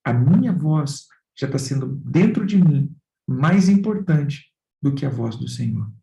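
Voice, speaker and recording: A man's voice: medium pitch, lively intonation, a little slow, creaky, warm tone, echoey room, dull audio, soft background music. A man with a Brazilian Portuguese accent preaching a sermon, firing off rhetorical questions and calling his listeners brothers and dear ones. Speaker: pastor.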